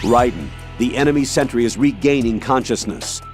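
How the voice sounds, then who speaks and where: An actor voices a stern, authoritative older military colonel in a video game, delivering a mission briefing in a commanding, measured and formal way with an urgent edge. His medium-pitched natural voice plays over music.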